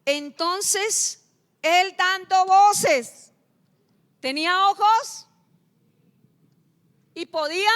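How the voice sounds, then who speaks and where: A woman's voice: fairly low pitch, a bit bright. A middle-aged woman pastor, preaching a sermon and firing questions at the congregation, scolding them at times. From Colombia.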